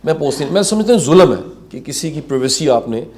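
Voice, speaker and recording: Lively high-voiced male talk host. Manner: animated, poses long rhetorical questions. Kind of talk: conversational interview.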